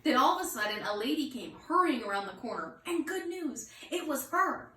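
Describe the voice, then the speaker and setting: A woman with a fairly high voice reads a children's story aloud expressively and fairly quickly, the way a teacher would. She sounds a little distant from the mic in a room with noticeable echo.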